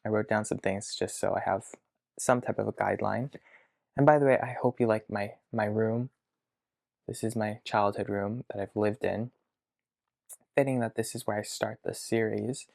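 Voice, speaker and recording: A man of about twenty talking to his future self in a video diary from his childhood bedroom, hesitant and reflective, pausing to think aloud. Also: fairly low pitch, fairly even intonation, creaky, darkish tone. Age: around 20. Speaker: vlogger.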